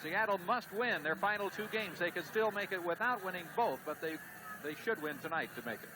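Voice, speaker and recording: Brief: male color commentator, relaxed, slightly high voice, hissy vintage broadcast. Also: a little fast. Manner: relaxed, explanatory. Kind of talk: 1970s TV sports analysis. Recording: old TV broadcast with steady noise.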